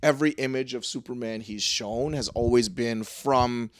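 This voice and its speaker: A man co-hosting a podcast in casual chat, excitable and swearing freely, with lots of fillers and restarts. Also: medium pitch, normal speed, clear, resonant tone, no room sound, studio quality. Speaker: podcast co-host.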